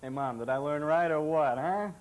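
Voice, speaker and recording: Rich: A man with a somewhat high voice walks viewers through a recipe on a cooking show, chatty and joking as he goes. A faint hiss of noise sits under the recording. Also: moderate pace. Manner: jokey, chatty, self-satisfied. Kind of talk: cooking demonstration.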